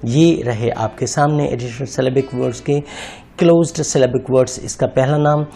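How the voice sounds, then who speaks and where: A man's voice: mid-range voice, moderate pace, creaky, warm tone, soft background music. A man teaching an English grammar lesson, patiently repeating words and splitting them into syllables for his viewers. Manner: addresses viewers as friends. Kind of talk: explaining a grammar lesson over slides.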